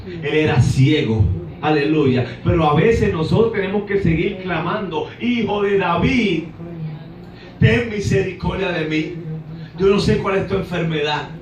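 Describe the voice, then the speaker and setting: A high-pitched man preaches slowly and fervently, breaking in again and again with hallelujahs and acting out the cries of the people in the story. His voice rings through an echoey church hall, picked up from some distance, with a faint hum of the room behind him. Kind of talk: sermon.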